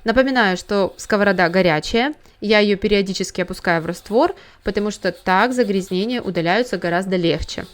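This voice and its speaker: A woman giving a calm, step-by-step scripted voice-over on cleaning a pan. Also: medium pitch, fairly quick, hardly any pauses. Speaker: home cleaning tips host.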